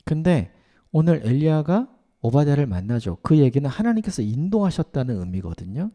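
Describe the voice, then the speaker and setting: This pastor's voice sits fairly high and moves briskly with lots of animation as he gives a dawn sermon in church. His tone stays reflective, and he occasionally voices the people in the passage, dropping to a softer tone for their words.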